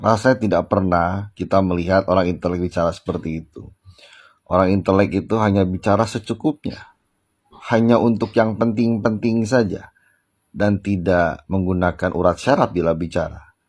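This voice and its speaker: A man's voice: low voice, fairly even intonation, moderate pace, a little mellow. A man giving satirical commentary in a mocking, teasing way. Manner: mocking baby talk, singsong teasing.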